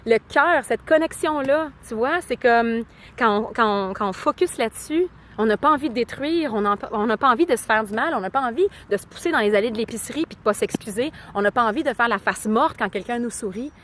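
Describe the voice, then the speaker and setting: A woman's voice: fairly high pitch, animated, fairly quick, fairly bright tone, slight background noise. A woman from Quebec with a Québécois accent, talking in a casual, rambling vlog and switching between French and English, heartfelt and full of fillers. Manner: enthusiastic, heartfelt. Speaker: vlogger.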